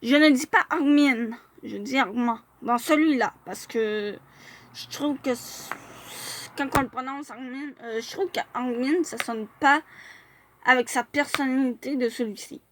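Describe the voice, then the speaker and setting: A woman's voice: high-pitched, a little slow, fairly bright tone, slight background noise. A woman chatting casually in a vlog as she reviews fan profiles, hesitating often with filler sounds and restarts.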